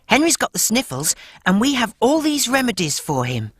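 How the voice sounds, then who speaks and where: A woman voicing a gentle, kind male octopus in a children's cartoon, friendly and polite. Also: fairly high pitch, big pitch swings, normal speed, slightly rough, dry recording, clean studio sound. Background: music.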